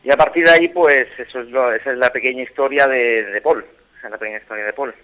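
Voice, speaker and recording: Thirties barcelona guy calling into radio, bright voice, keeps restarting, earnest. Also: medium pitch, poor audio. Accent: Spanish, from Barcelona. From Spain. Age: 30s. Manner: halting, restarts often, earnest. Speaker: caller. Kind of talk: phone-in interview.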